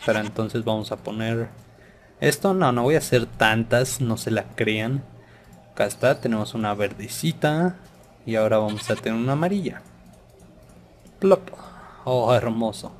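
A man's voice: medium pitch, moderate pace, long pauses, slight background noise. Playful man narrating his gameplay. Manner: playful, hums and babbles sound effects. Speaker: gaming channel host. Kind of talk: Minecraft let's play commentary.

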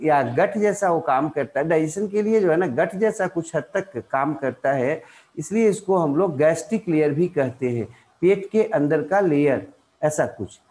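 An Indian man teaches a biology lesson in a fairly high voice. He keeps asking the class questions and then answers them himself, padding his explanation with fillers and restarts. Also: animated, moderate pace, darkish tone. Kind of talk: explanatory lecture in Hindi.

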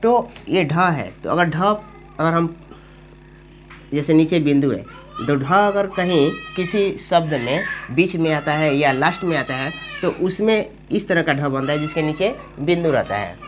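A teacher walks through a spelling lesson one point at a time, asking each question aloud before answering it. The voice sits at an ordinary middle pitch. A faint hiss of noise runs underneath. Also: animated, a little slow. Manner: explains step by step, asks and answers own questions. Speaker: Hindi teacher. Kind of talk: spoken grammar lesson.

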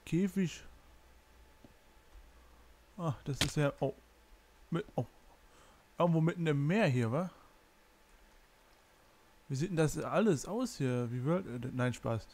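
A male Let's Play host talking through a game in a slightly high, unhurried voice. He rambles casually, trips over words and mutters curses whenever something goes wrong. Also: animated, a little mellow, a little hiss or hum. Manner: casual, mutters and swears while stumbling over signs. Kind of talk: gameplay commentary.

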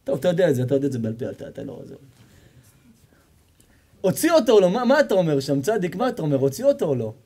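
Lively high-voiced rabbi telling stories. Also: male voice, long pauses. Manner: animated storytelling, acts out characters, jokes and quizzes the audience. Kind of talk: sermon with storytelling.

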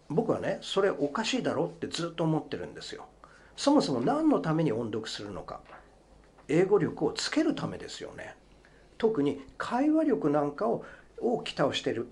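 A man hosting a radio show in a studio, explaining English pronunciation in a chatty, emphatic way and speaking straight to his listeners. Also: a little high. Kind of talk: radio talk explaining language learning.

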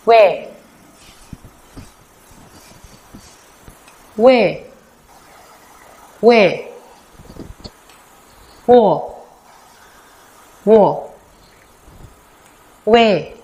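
A woman's voice: medium pitch, low-quality recording. A woman teaching a Korean vowel lesson in Vietnamese, patiently repeating each sound and asking the class questions she answers herself.

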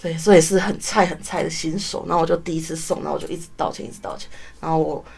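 A woman's voice: deep voice, steady tone, racing, gravelly, a little mellow, slightly rough. A woman in her twenties with a Taiwanese Mandarin accent, a student guest chattily telling a story in a radio studio, chaining her sentences with run-ons. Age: 20s. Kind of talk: casual storytelling in a radio interview.

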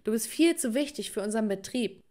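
A woman voicing an angry, threatening male school principal in an animated story. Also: on the high side, brisk, lightly acted. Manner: scolding, threatening.

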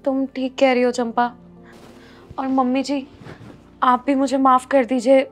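An actress playing a proud, bossy working daughter-in-law in a family short film, commanding in tone. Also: female voice, high-pitched, flat delivery, unhurried, faint music behind. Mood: apologetic.

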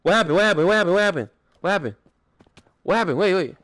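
A young man streaming a game with friends, chatting casually, swearing a lot and breaking into excited shouts. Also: sits high, quick pace, no echo, clean studio sound. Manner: excitable, profane, bursts into shouts. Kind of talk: casual gaming commentary.

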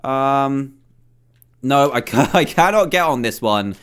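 Excitable gamer, lively pitch. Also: male voice, takes it slowly, clean tone. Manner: excitable, animated, jumpy exclamations. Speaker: gaming video host. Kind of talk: playing a video game with live commentary.

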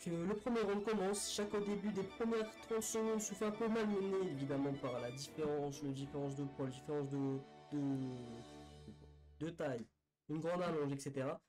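A man's voice: a little high, moderate pace, rough recording. A man telling a sports history story in a casual, unscripted way, with a lot of fillers and restarts. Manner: hesitant, full of fillers and restarts. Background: faint music.

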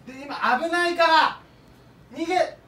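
A man playing a flustered typhoon reporter in an improvised comedy sketch, shouting as if over strong wind. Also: extremely high pitch, lively intonation, fast. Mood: flustered, urgent. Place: indoor music rehearsal room. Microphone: camera across the room. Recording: roomy, distant phone-camera pickup with faint noise.

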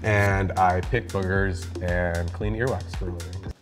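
A man in his twenties from New York City, a contestant who explains things in a relaxed, instructive way. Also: low voice, unhurried, over music. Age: 20s. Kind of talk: casual teaching chat.

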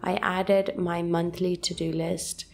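A woman calmly narrating a scripted voice-over for her journaling video in a soft, gentle, unhurried way. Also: on the low side, gravelly. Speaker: journaling channel host. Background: soft background music.

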